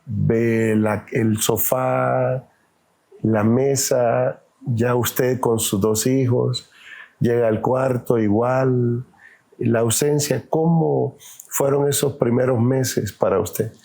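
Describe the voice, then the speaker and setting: A man hosting a church podcast, asking gentle questions and answering with encouraging affirmations. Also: medium pitch, steady tone, slow pace, gravelly, slightly rough. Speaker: podcast host.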